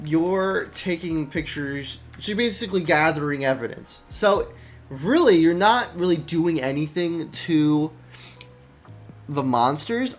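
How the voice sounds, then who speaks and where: Rambling young man thinking aloud. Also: a little high. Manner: rambling, many likes and restarts, thinking aloud. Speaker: indie game developer. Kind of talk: casual dev stream chat.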